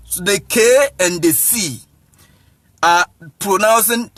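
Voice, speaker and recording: A man's voice: high-pitched, a bit bright, no echo. A man with a Ghanaian accent, an evangelist giving a casual teaching talk to viewers. He switches between English and Akan, spells words out letter by letter and keeps checking that listeners follow. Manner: spells words out slowly, repeats "you see what I'm saying", chuckles often.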